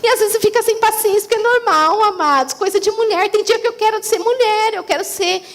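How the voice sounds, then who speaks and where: A woman's voice: very high-pitched, brisk. A Brazilian woman pastor preaching a chatty, humorous sermon, often calling the congregation "beloved". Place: church sanctuary. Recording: church hall reverb.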